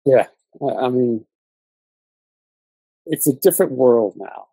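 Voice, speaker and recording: A man's voice: mid-range voice, lively intonation, takes it slowly, dark tone, husky, no echo, low-quality recording. A journalist guest in an interview, a man who talks hesitantly and restarts his sentences. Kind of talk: conversational interview.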